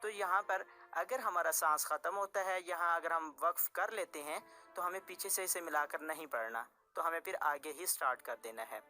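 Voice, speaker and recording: Quran teacher, bright voice, patient repetitive explaining, faint background music. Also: medium pitch, moderate pace. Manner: patient, repetitive explaining, restating each rule several ways. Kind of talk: explanatory tajweed lesson.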